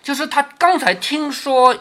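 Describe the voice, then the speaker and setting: A man's voice: extremely high pitch, measured pace, fairly bright tone. A man reading a classic novel aloud and explaining it, often posing rhetorical questions to the listener. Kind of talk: storytelling with commentary.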